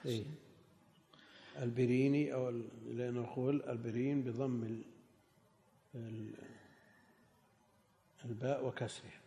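Male scholar, mellow tone, clipped teaching asides, long hall reverb. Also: mid-range voice, steady tone, unhurried, creaky, pauses often. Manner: brief, corrective remarks. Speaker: sheikh teaching the lesson. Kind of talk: scholarly lesson commentary.

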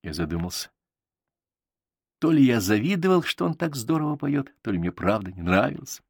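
A man narrating a story aloud in even storytelling style, close to the microphone. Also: mid-range voice, moderate pace, creaky, husky, dry recording. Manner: even storytelling, voicing each character. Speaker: audiobook narrator. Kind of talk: audiobook narration.

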